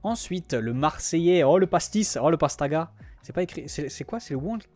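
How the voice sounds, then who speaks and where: Young male streamer, slightly high voice, teasing banter, light music underneath. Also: lively intonation, moderate pace, mellow. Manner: joking, teasing, talks to his chat. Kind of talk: casual live-stream chat.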